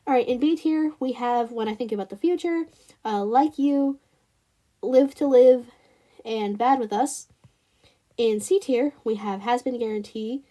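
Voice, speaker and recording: A woman with a Southern US accent and a slightly high voice hosts her own review vlog. She talks in a loose, rambling way, full of "like" and "uh" and restarted thoughts. She speaks straight to her viewers in a chatty tone. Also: unhurried, dark tone. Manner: rambling, lots of fillers and restarts; chatty, addresses viewers directly. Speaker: channel host.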